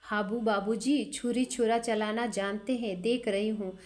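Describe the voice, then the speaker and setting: A woman's voice: mid-range voice, fairly even intonation, measured pace, a little mellow, natural voice. A woman voicing a proud, wounded young courtesan who teases and then pleads. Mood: mocking.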